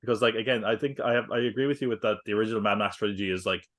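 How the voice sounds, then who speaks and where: A man's voice: on the low side, fairly even intonation, racing, a bit bright. Chatty rambling male film podcaster. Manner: rambling, filler-heavy, jokey asides. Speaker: podcast co-host. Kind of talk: casual film review chat.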